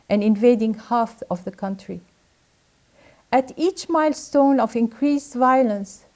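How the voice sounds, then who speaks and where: An older woman from Lebanon speaks at a graduation, her voice set a little high and mellow in tone. She reads a formal prepared address in an earnest, exhorting way.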